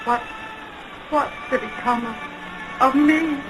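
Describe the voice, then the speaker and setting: A woman playing an anguished, lovelorn woman in an early talkie film melodrama, pleading in halting, drawn-out phrases. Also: sits high, rough recording. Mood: forlorn. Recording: 1920s film soundtrack with loud music.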